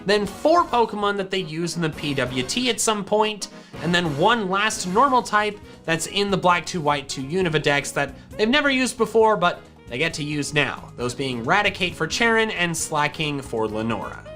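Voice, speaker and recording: Lively scripted female narrator over music. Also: fairly low pitch, moderate pace. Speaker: video narrator. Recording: music in the background.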